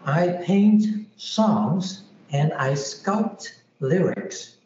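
Man, high and mellow voice, measured short answers, echoey muffled Skype call. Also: sing-song, slight background noise. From Hong Kong. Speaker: guest artist. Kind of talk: interview answers.

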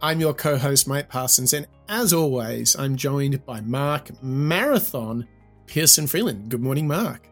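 A man's voice: mid-range voice, lively intonation, unhurried, fairly bright tone, soft background music. A man co-hosting a podcast in conversation, with a nasal, pinched-nose sound from recovering from the flu. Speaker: podcast co-host.

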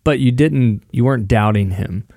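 A man's voice: medium pitch, moderate pace, vocal fry, dark tone, no room sound, studio quality. A man in his forties, chatting casually as a podcast guest, thoughtful with some joking. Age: 40s. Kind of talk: casual chat.

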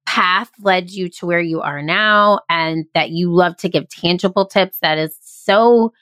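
A woman's voice: lowish voice, measured pace, fairly bright tone, clean tone, no echo. Woman podcast host, eager and affirming, close dry sound. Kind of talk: casual interview chat.

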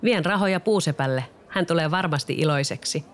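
A man's voice: fairly high pitch, slight background noise, natural voice. A man voicing a cheeky, lazy wooden puppet boy who whines and boasts. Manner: whiny, boastful.

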